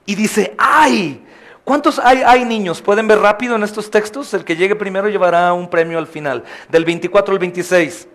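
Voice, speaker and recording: A male pastor with a high voice preaches a passionate sermon at a normal speed, addressing the congregation as brothers. He often calls out questions to them and swings from soft lines to loud cries.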